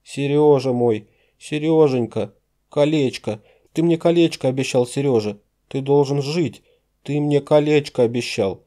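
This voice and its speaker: A man reading an audiobook voices a terrified young woman whose cries break into a shrill falsetto. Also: steady tone, normal speed, dark tone, clear, resonant tone, close to an everyday voice. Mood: pleading, sobbing.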